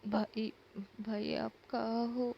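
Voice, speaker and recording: A woman's voice: a little high, level tone, slow, gravelly, muffled recording, a little hiss or hum, voice pushed up. A woman voicing a small boy who is crying and frantically repeating himself for his fallen mother. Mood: crying, frantic.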